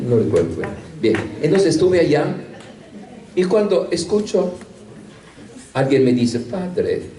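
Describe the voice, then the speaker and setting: Older priest telling stories in an echoey hall. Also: male voice, mid-range voice, mellow. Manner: storytelling with rhetorical questions and hesitations. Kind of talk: anecdotal talk to a congregation. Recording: echoey room from a distance.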